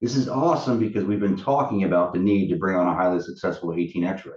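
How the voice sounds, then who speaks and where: A man's voice: sits low, fast talker, darkish tone. A man co-hosting a podcast and introducing a guest, recorded with an echoey, distant sound from an audio fault. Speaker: podcast co-host. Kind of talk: casual podcast chat. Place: pub used as offsite studio. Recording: echoey, dull, distant mic.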